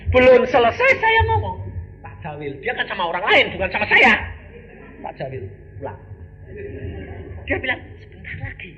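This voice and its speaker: An older man from Indonesia preaching a storytelling sermon, with dramatic swings between loud, high outbursts and quiet, low asides. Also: wildly swooping pitch, moderate pace, long pauses. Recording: slightly dull, faint background noise.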